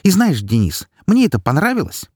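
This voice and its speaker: A man's voice: medium pitch, sing-song, a little fast, no room sound, pitched above the performer's own voice. A man voicing a bitter, scornful young woman. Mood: venomous, mocking. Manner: harsh, scornful, shouting. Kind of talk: audiobook dialogue.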